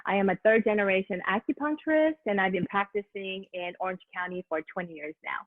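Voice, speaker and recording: A woman born in Korea and raised in America, an acupuncturist, introducing herself in a measured way on a webinar. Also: mid-range voice. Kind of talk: brief self-introduction on a webinar. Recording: tinny phone-like call line.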